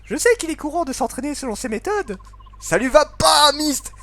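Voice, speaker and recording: A man voicing a gentle young girl in a video game, speaking in a high, pleading tone. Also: expressive, moderate pace, full character voice.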